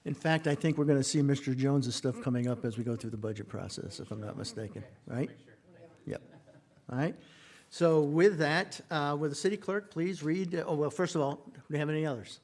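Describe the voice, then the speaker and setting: A man chairing a city council meeting as mayor, brisk and informal as he moves through business. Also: fairly high pitch, a little mellow. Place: council chamber.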